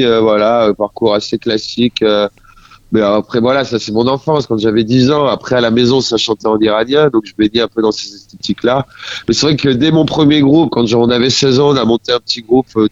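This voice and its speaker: Heard through a muffled recording with no room sound, a medium-pitched man from France, a musician in his forties, hesitates and gropes for words as a guest in a relaxed radio interview.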